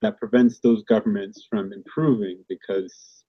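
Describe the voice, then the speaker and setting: A man in a casual online debate whose call audio keeps glitching and cutting out, and who talks haltingly and restarts his phrases. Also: fairly low pitch, fairly even intonation, husky. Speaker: call participant. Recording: dull, lo-fi call audio with dropouts.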